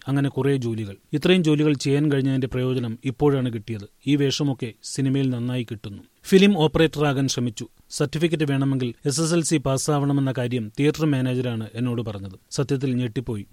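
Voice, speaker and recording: A man's voice: mid-range voice, a little mellow, dry recording, studio quality. Man reading a newspaper feature aloud. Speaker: newspaper article reader.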